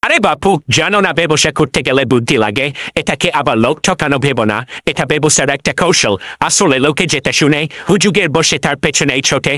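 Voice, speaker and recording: Cheeky, bright-voiced Mullah Nasruddin, played by a man. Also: on the high side, dry recording, clean studio sound. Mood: smug. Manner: wheedling, boastful, playful. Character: cheeky, self-assured male folk trickster mullah.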